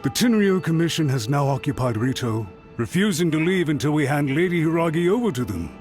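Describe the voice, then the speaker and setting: This male voice is fairly high, animated and slightly quick, a little mellow and natural-sounding. He plays an anxious official in a studio game, apologizing humbly and begging for another chance, with music underneath.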